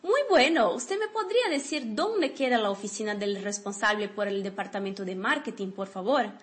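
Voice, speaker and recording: A woman's voice: mid-range voice, expressive, normal speed, voice pushed down, lightly acted. A woman reading a friendly new female employee's lines from a textbook dialogue in a plain, courteous way. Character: friendly young woman starting a new job.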